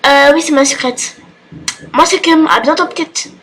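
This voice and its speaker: A woman's voice: high-pitched, normal speed, a bit bright, rough recording. A woman putting on a drawling voice for a cool, teasing female student. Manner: casual, drawling put-on voice.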